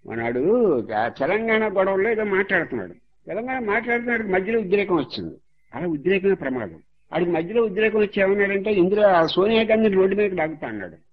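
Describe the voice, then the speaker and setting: A man's voice: high voice, very animated, quick pace, phone-quality sound. A man giving a religious discourse as a spiritual teacher, moralizing and repeating each point to drive it home.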